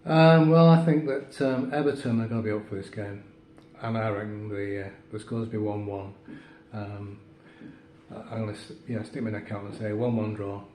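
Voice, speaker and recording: A man co-hosts a casual football prediction chat, speaking in a measured, thoughtful way with fillers. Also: fairly low pitch, steady tone, mellow. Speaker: co-host. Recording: echoey room, faint noise.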